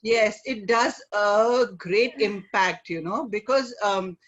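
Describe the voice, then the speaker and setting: A middle-aged woman with an Indian accent talks as a guest in a conversational interview. She phrases things haltingly and often tags them with "you know". The audio is dull and lo-fi, as on an online call. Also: medium pitch, a bit bright. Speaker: guest, image consultant.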